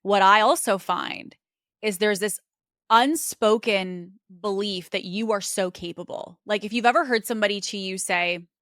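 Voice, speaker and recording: A woman's voice: mid-range voice, normal speed, a bit bright, no echo, clean studio sound. Earnest woman hosting a podcast. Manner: earnest, conversational, with frequent "like" and "you know". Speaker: podcast host. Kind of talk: reflective solo podcast monologue.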